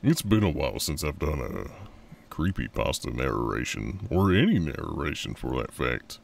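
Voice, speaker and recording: A man's voice: extremely low pitch, creaky, distant mic, a little hiss or hum. A man streaming a horror game live, chatting casually with his viewers and laughing often.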